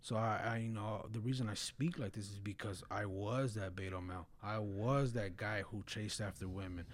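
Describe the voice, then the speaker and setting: A man's voice: on the low side, fairly even intonation, moderate pace. A man talking casually and earnestly about religion in a blunt way, often peppering his speech with slang and filler phrases. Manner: blunt, earnest, frequent "bro" and "you know".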